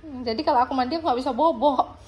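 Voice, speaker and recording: A woman voicing a cheeky four-month-old baby boy in soft, babyish first-person chatter. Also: high voice, racing, lo-fi sound, background noise, voice pushed up, lightly acted. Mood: whiny. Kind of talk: playful voice-over for a baby.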